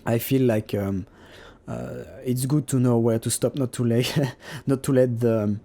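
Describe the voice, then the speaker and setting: A man casually talking over his own painting process, halting with many fillers and restarts and laughing at himself. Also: mid-range voice, fairly even intonation, gravelly, mellow. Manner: self-deprecating, laughs at himself. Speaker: digital artist.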